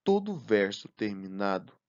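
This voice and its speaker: A man narrating a recorded lesson, slow and deliberate, counting syllables aloud one by one. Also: lowish voice, sing-song, dull audio. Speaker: teacher.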